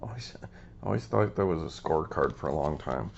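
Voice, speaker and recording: Speaking at a moderate pace, this man has an extremely low, expressive voice with vocal fry that's slightly scratchy today. He hosts a card collecting channel, casually showing his cards and rambling with many ums, all on dull-sounding audio.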